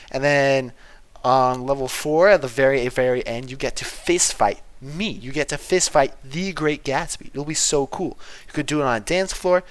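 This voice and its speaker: Male host, mid pitch, loose rambling delivery, deadpan humor. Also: no room sound. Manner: rambling, filler-heavy, deadpan absurd humor. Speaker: game developer and video host. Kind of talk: casual devlog chat.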